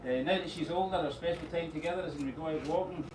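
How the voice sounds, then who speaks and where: A middle-aged man giving an informal wedding speech as father of the bride, rambling a little with pauses and dry teasing asides. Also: on the high side. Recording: echoey room, distant mic, noisy background.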